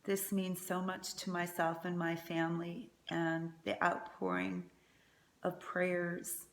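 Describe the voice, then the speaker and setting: A woman's voice: lowish voice, vocal fry, slight background noise. Faltering, tender woman in an echoey room. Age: middle-aged. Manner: faltering, tender eulogy delivery. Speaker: mother giving a eulogy. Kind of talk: prepared eulogy speech.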